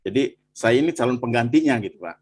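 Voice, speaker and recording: Husky-voiced man from Bandung, animated testimony, mid-pitched, talks to the listener directly. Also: quick pace. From Bandung, Indonesia. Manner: animated storytelling, frequent "Pak" and "gitu". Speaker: guest telling his testimony. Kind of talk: personal testimony in conversation.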